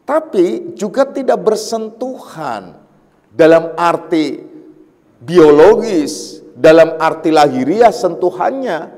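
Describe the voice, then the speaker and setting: A man's voice: a little high, big pitch swings, slow, darkish tone, big-room sound. A man giving a religious study lecture as a Sufi teacher, explaining patiently, repeating key phrases and warning emphatically. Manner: explains patiently with repetition and everyday examples; warns emphatically. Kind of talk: religious lecture on a classical text.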